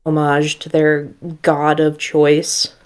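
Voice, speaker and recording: Brief: woman player, lowish smooth voice, slow and hesitant, thinks aloud. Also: completely flat delivery. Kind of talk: casual tabletop play.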